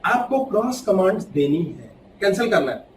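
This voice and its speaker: A man giving a spiritual talk to a live audience, animated and acting out quoted voices with sudden swings between loud and hushed delivery. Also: high voice, normal speed, far from the mic, noisy background. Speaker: spiritual speaker. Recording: echoey room, voice from off-mic.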